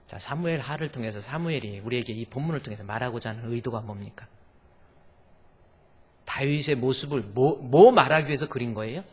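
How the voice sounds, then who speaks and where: A man pastor preaching a sermon in a church, swinging from soft murmurs to shouted cries, with repeated refrains. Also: medium pitch, a little fast, slightly rough. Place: church sanctuary. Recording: long reverb of a church hall.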